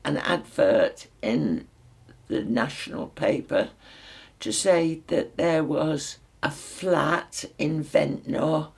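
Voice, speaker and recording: A very old woman in her nineties with a mixed Northern English accent, reminiscing in an unhurried, emphatic way with pauses. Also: low voice, a little mellow. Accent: mixed Northern English, Lancashire. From Salford, north of England. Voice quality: very old woman's voice, husky and creaky. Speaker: interview guest. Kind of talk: reminiscing life story in conversation.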